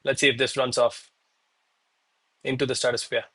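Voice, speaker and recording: A man's voice: mid-range voice, flat delivery, moderate pace, fairly bright tone, slightly rough. A man livestreaming casual commentary to his chat as a trading streamer, with an informal, bro-heavy gym-bro way of talking. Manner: bro-heavy, hyped gym-bro style talk; informal, addresses viewers as bro, man, guys.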